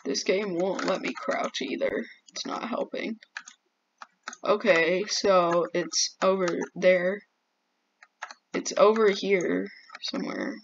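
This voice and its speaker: Slow-talking flustered woman gamer. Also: fairly low pitch, steady tone, gravelly, a little hiss or hum. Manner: jumpy, easily flustered, exclaims often. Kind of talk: game commentary. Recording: dull lo-fi mic.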